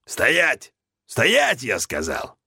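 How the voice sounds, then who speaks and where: A man's voice: fairly high pitch, huge pitch swings, unhurried, a bit bright, no room sound, clean studio sound, voice pushed up, heavily acted. A man voicing a hostile elderly helicopter pilot who barks harsh orders. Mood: threatening.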